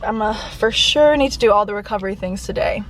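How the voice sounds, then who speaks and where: A woman's voice: medium pitch, brisk, a little hiss or hum, low-quality recording. A young woman chatting casually in a vlog, informal and emphatic. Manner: informal, frequent "like" and emphatic words. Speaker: lifestyle and running vlogger.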